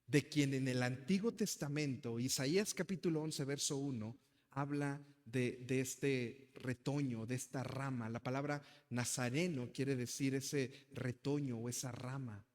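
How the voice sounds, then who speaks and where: A man's voice: medium pitch, darkish tone, big-room sound. A male pastor with a Mexican accent, preaching an emphatic sermon and addressing the congregation as brothers.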